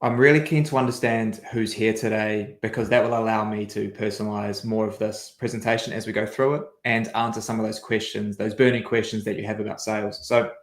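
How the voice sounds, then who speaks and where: Speaking with a New Zealand accent, this sales coach delivers an upbeat webinar by video call, moving through an agenda in a structured way. His voice is on the low side and level, quite quick with few pauses, and the audio carries room echo.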